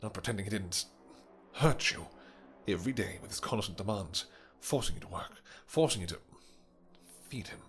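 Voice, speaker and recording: A man playing a possessive, doting vampire king in a romantic fantasy roleplay, speaking in courtly, old-fashioned phrases with hesitant pauses and endearments. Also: lowish voice, animated, a bit bright. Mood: menacing, wounded. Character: doting, possessive, vengeful male vampire king with horns and wings.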